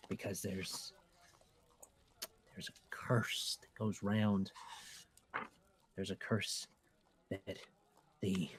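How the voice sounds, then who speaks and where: A man voicing a folksy small-town schoolmarm who tells spooky rumors in a hushed, gossipy way. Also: on the low side, a little hiss or hum, close to an everyday voice.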